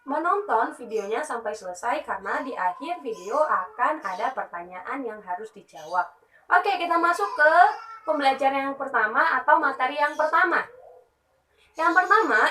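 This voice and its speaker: A young woman teacher explains a lesson slowly to young children, her voice bright and a little high. She keeps checking in as she goes. The sound is echoey, with her voice set back from the mic. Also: recorded from a distance, a little hiss or hum. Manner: slow, patient explaining with frequent "nah" and "ya". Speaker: primary school teacher.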